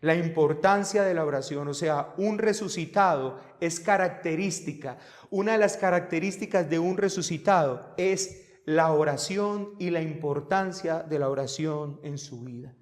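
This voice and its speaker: A man's voice: on the high side, moderate pace. A man, preaching a sermon earnestly and often addressing the congregation as brothers. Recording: long hall reverb, mic at a distance.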